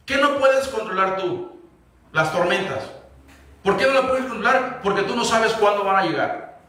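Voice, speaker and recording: A pastor preaches in a high, bright voice, pressing his congregation with question after question. His words ring through a very echoey church hall, and the mic sits some distance from him. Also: animated, normal speed. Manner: asks the congregation repeated rhetorical questions. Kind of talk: sermon. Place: church sanctuary.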